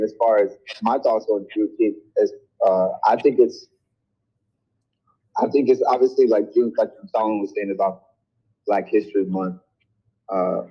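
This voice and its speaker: A man with a lowish voice comes through a poor, muffled online call with dull, lo-fi sound. He talks in a hesitant, casual way, piling up fillers and restarting his sentences. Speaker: discussion participant. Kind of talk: casual group discussion.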